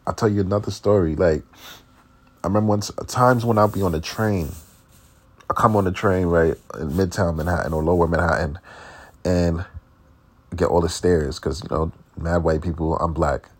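Deep husky New man, blunt. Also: moderate pace. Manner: blunt and profane, with animated impressions of others. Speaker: classical pianist. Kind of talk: casual storytelling.

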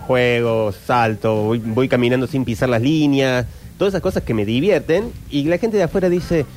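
An Argentine man co-hosting a relaxed chat, easygoing and agreeable and often chiming in with short agreements. His voice has an ordinary middle pitch. Soft music plays faintly behind him. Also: normal speed. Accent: Argentine Spanish. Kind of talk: casual chat.

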